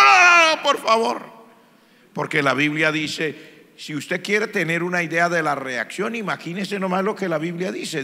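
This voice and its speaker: A Colombian man preaching a Pentecostal sermon as pastor, storytelling and swinging between hushed and loud delivery. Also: medium pitch, creaky, in a large hall. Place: church.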